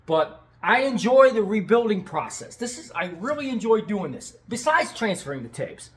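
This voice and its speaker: A man's voice: high-pitched, sing-song, moderate pace, fairly bright tone. A middle-aged American man giving a casual, rambling vlog update as a restorer, enthusiastic and often repeating himself. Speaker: video tape restorer and channel host.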